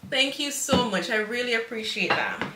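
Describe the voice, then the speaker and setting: A woman's voice: a little high, lively intonation, moderate pace, reverberant, distant mic, very noisy. A woman with a Jamaican accent hosting a live cake-decorating tutorial, chatty and motherly as she gives viewers advice and calls them darling.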